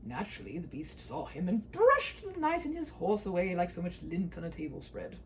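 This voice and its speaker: Reading a funny fairy tale aloud, a female storyteller uses a theatrical, mock-grand style with animated, sing-song pitch at a moderate pace. Faint noise sits in the background of this scripted, humorous narration.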